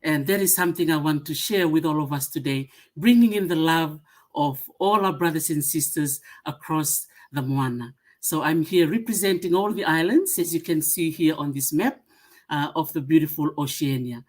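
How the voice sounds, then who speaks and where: A middle-aged woman from Fiji giving a webinar presentation, pausing often with "uh" as she lists her points. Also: sits low. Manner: many "uh" fillers, warm greetings, listing points. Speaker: museum association secretary-general speaker.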